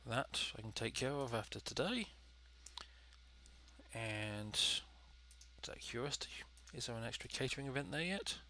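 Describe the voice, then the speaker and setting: Nasal, congested man with a bright edge. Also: medium pitch, lively intonation, normal speed, pauses often, a little hiss or hum. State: has a head cold. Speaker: gaming video host. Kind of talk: casual let's play commentary.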